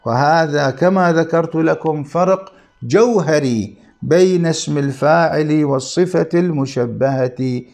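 A man teaching Arabic grammar in a lecture, explaining slowly and repeating key terms to his students. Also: on the high side, darkish tone. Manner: slow, deliberate explaining with repetition, addressing students. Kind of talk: classroom lecture.

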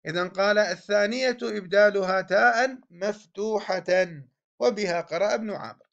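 A man teaching a classical Arabic grammar lesson, explaining a text and slowly drilling example forms one after another. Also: high voice, vocal fry, fairly bright tone, dull audio.

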